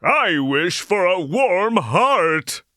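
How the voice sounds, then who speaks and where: A woman voicing a gentle, helpful tin man in a children's storybook cartoon, earnest and measured. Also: on the low side, big pitch swings, no echo, studio quality, full character voice. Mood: wishful.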